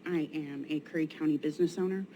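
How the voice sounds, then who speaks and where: A woman's voice: low-pitched, steady tone, fast, warm tone. A woman giving public comment at a meeting, earnest and plain-spoken, with a tired, shaky voice. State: weary, shaky voice. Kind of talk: prepared public statement. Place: indoor public meeting room. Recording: noisy meeting room ambience.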